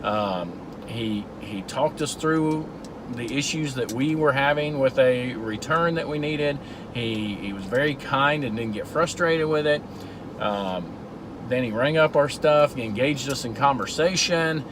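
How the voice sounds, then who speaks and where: Driving in his car, a middle-aged Georgia man who hosts a vlog shares a story with earnest casualness, often starting over. He speaks at a mid-range pitch, a little slowly, against background noise.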